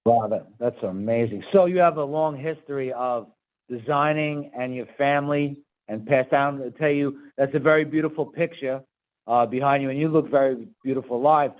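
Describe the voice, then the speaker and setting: A man's voice: medium pitch, moderate pace. Man, Brooklyn accent, casual interviewer, enthusiastic, mid-range voice, lo-fi call audio. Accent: Brooklyn, New York. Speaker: interview host. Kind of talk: casual remote interview chat. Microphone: video call. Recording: dull lo-fi video-call audio.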